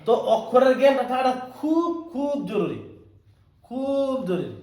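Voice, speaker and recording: A man's voice: extremely high pitch, sing-song, moderate pace, a little mellow. A man teaches a class. He repeats each word patiently so the students catch the pronunciation. The sound comes from an echoey classroom. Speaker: language teacher. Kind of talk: classroom lesson.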